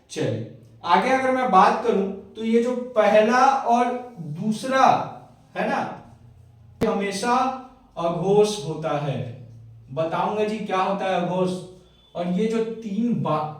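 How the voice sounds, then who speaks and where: A man with a high voice teaches a Hindi grammar class, sounding each letter out slowly and often asking whether the class has understood. He is recorded from some distance in a very echoey room, so his voice rings off the walls. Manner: repeats "clear hai?" and "hai na" often; spells out sounds one at a time. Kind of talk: classroom lesson.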